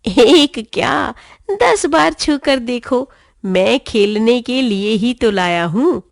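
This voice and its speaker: A woman's voice: sits high, expressive, takes it slowly, vocal fry, no echo, studio quality, exaggerated voice. A woman voicing a playful little boy who coaxes and pleads in a children's storybook reading. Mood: excited. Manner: wheedling, coaxing.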